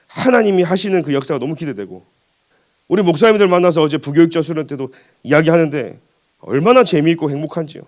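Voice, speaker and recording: A man's voice: fairly high pitch, a little mellow. A man pastor preaching an emphatic sermon in a church, mixing personal stories with scripture and chuckling at his own asides. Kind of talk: sermon at a midweek service. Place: church sanctuary.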